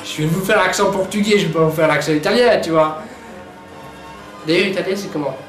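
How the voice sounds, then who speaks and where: Chatty high-voiced young man, echoey room. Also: brisk, a bit bright, soft background music. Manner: chatty, jokey, repeats words. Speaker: YouTuber reviewing his own videos. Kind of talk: casual vlog chat.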